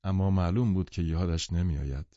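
A man narrating an audiobook in an expressive storytelling manner. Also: sits low, no room sound. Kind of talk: scripted narration. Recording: dull, dry lo-fi audiobook recording.

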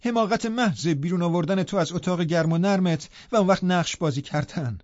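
A man's voice: on the high side, animated, dry recording, pitched above the performer's own voice. A man doing a scornful, angry young woman. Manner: sharp, scolding, indignant. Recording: dull lo-fi recording.

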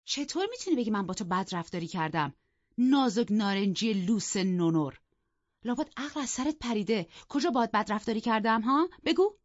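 A woman voicing a proud, sharp-tongued young woman who mocks and scolds in an audiobook. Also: a little high, lively intonation, no echo, pitched above the performer's own voice. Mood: scornful. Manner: cutting and mocking. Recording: dull, dry lo-fi recording.

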